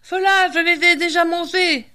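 A woman's voice: high-pitched, big pitch swings, normal speed, a bit bright, pitched above the performer's own voice. A woman voicing a greedy child-eating witch who sneers, cackles and shrieks. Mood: wailing.

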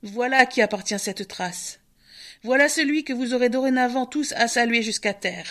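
A woman's voice: fairly high pitch, moderate pace, a bit bright, natural voice. A woman voicing an old, wise male raven who lectures the animals solemnly in a storybook reading.

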